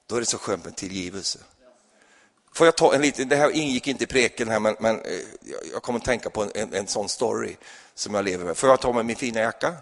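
A man's voice: lowish voice, gravelly. Man preaching a story in an echoey church. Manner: lively anecdotal, keeps adding a questioning tag. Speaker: pastor. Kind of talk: storytelling sermon.

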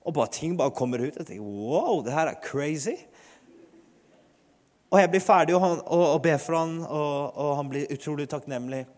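Male preacher, lively testimony storytelling, voices the people he quotes, long hall reverb. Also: on the high side. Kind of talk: testimony sermon.

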